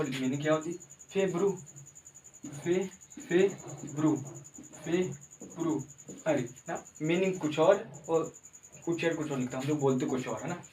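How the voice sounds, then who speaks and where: A man's voice: mid-range voice, a little mellow. A man teaching an informal spoken lesson in speech, chatty and repetitive, spelling words out letter by letter. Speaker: online tutor. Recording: echoey room, distant mic, faint noise.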